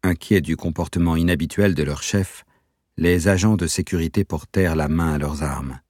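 Very deep-voiced man narrating a novel. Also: moderate pace, darkish tone, dry recording, clean studio sound. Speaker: audiobook narrator. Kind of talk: scripted narration.

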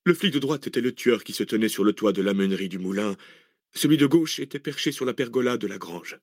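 A man voicing a composed older man who speaks in a level, measured way in a thriller audiobook. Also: fairly low pitch, expressive, dry recording, studio quality.

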